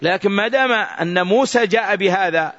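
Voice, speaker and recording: High-voiced sheikh teaching a lesson. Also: male voice, moderate pace, bright, forceful tone. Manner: explanatory, repeats words to drill pronunciation. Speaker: Islamic scholar teaching a book. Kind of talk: religious lesson commentary. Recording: dull lo-fi recording.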